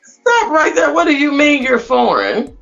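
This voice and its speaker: A woman's voice: high-pitched, wildly swooping pitch, measured pace, vocal fry. A woman hosting an interview, talking in a casual, playful and teasing way. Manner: playful, teasing, direct questions. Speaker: host. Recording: slightly muffled sound with faint music.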